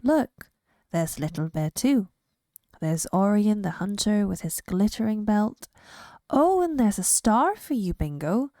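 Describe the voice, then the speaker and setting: A woman's voice: medium pitch, sing-song, unhurried, dark tone, no echo, clean studio sound. A woman voicing a cheerful, kind boy who loves adventures. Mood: eager.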